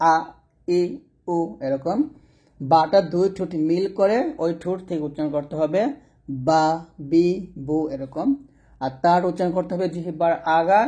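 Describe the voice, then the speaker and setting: Bangladeshi-accented male Quran teacher, mellow tone, stretches out each spelled syllable. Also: a little high. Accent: Bangladeshi Bengali. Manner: drawn-out slow spelling of letters with vowel marks; repeats and corrects wrong pronunciations. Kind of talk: step-by-step recitation lesson.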